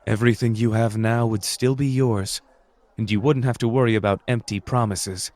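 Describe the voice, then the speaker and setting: A man with a mid-range voice gives a lightly acted performance as a suave renegade sorcerer in an anime audio roleplay. His formal, measured speech is quietly persuasive and manipulative, with a coaxing, needling edge, captured on a dry recording.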